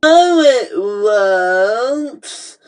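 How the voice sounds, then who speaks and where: A male amateur storyteller voicing a gloating villain with slow, drawn-out, theatrical menace. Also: high voice, animated, clean tone, heavily acted. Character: gloating theatrical villain threatening to nuke an island. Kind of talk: amateur storytelling with toy-train characters.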